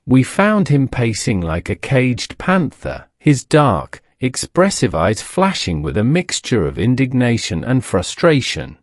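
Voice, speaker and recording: A man narrating a detective story in a measured, scripted storytelling manner. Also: mid-range voice, sing-song, no room sound, studio quality.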